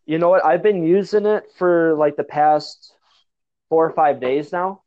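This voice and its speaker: A man's voice: a little high, fairly even intonation, a little slow. An American man chatting casually in a blunt, enthusiastic and emphatic way. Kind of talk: casual chat. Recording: dull lo-fi app call audio.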